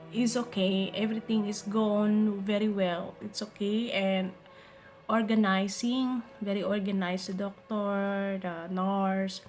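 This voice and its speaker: A woman from the Philippines whose first language is Filipino, telling a personal story in simple English and repeating her phrases. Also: mid-range voice. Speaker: vlogger. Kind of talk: personal testimony vlog.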